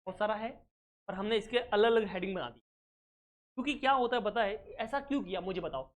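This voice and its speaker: With a voice that sits high and moves fairly quickly, this accounting teacher lectures in a recorded exam-prep session. He keeps firing rhetorical check questions at the class and drops English terms into his explanations.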